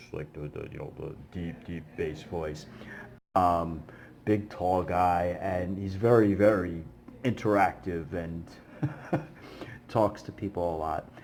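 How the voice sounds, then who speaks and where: Male vlogger, low voice, loose chatty storytelling full of fillers, slight background noise. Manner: rambling, many fillers, animated when retelling. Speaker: vlogger, busking musician. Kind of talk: casual storytelling to camera.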